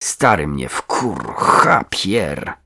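A man's voice: medium pitch, animated, moderate pace, no echo, studio quality, close to an everyday voice. A man voicing an aggressive, volatile young woman who snaps and curses in short bursts, in a true crime reading. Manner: curt, snapping, cursing.

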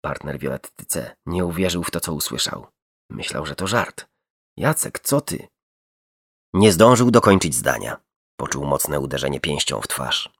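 A man's voice: very deep voice, animated, moderate pace, husky, no room sound, studio quality. A man narrating a true crime story dramatically. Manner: dramatic, shifts tone for quoted speech.

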